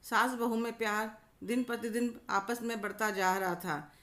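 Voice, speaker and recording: A woman narrating a scripted family story in a calm, steady manner. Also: on the high side, moderate pace.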